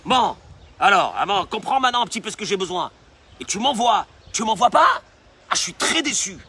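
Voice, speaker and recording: A man voicing an indignant male worshipper who loudly complains that God owes him. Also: high-pitched, very animated, a little slow, gravelly, breathy edge, pitched above the performer's own voice, heavily acted. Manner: whiny, self-righteous, loud.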